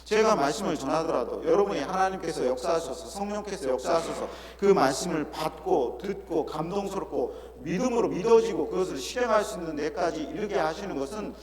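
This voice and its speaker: A middle-aged male pastor preaching an earnest sermon, often asking rhetorical questions and dropping into softer asides. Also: fairly high pitch. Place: church sanctuary. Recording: echoey church hall with congregation.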